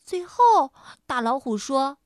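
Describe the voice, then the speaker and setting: A woman storyteller and radio host, reading a children's picture book in a playful, expressive first-person voice. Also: high voice, slow pace, dry recording, studio quality.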